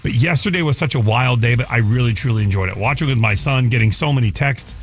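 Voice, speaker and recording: A man's voice: medium pitch, quick pace, soft background music. A man co-hosting a morning radio show in a studio, telling stories in an earnest way. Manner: storytelling, earnest. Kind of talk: casual morning radio chat.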